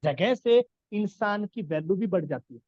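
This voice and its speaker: A man's voice: high voice, animated, moderate pace, darkish tone, no echo, highs cut off. A man giving an earnest business coaching talk, explaining his points and repeating key phrases for emphasis. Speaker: business trainer.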